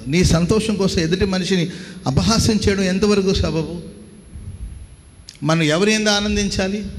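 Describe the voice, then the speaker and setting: High-voiced fervent male pastor preaching. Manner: fervent preaching, rhetorical questions, call-and-response. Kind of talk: church sermon. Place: church. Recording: church hall reverb with faint ambience.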